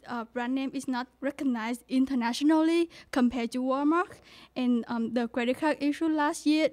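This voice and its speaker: A woman's voice: high-pitched, a little mellow. A young woman from Vietnam, a university junior presenting a case study, careful and hesitant with fillers. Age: young adult. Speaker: student presenter.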